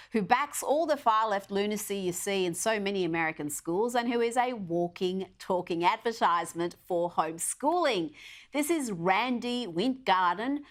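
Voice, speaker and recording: A woman hosting a TV news segment, reading scripted opinion commentary in a sarcastic, mocking tone. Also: medium pitch. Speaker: TV news host.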